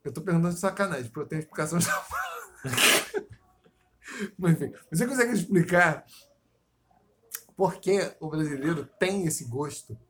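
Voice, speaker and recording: A Brazilian man co-hosting a loose podcast chat. His voice sits a bit high, and he rambles and swears freely as he drifts from story to tangent. A faint room ambience hangs behind him. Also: expressive, moderate pace, long pauses, fairly bright tone, a little hiss or hum. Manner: rambling, swears freely, digresses into poetic meter. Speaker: podcast co-host. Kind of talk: casual chat.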